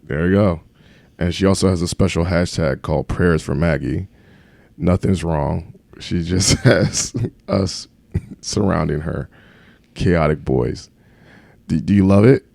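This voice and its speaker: A man's voice: low-pitched, unhurried, gravelly, long pauses, a little mellow, dry recording. A man chatting casually as a playful podcast host, who pronounces his th sounds as f.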